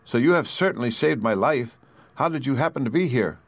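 A man voicing a polite, grateful rusted tin man, with a slow, stiff, pleading delivery. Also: medium pitch, lively intonation, no echo, pitched above the performer's own voice.

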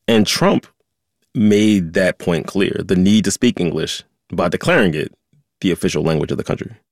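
A man's voice: low voice, normal speed, no room sound, studio quality. A man hosting a news podcast, reacting casually in conversation. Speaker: podcast host.

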